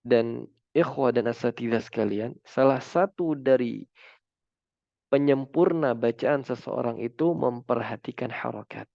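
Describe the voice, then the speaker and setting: A man teaching a religious lesson on recitation, chanting example words slowly and then explaining them. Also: medium pitch, vocal fry, dark tone, no echo, dull audio.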